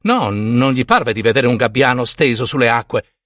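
Brief: male storyteller, dramatic scripted myth reading, animated intonation, dry close recording. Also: medium pitch, moderate pace, no echo.

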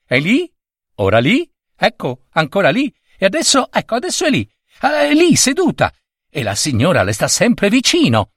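Guy doing a blind young prince, high excited cries, real dry sound. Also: normal speed, husky, no echo, heavily acted.

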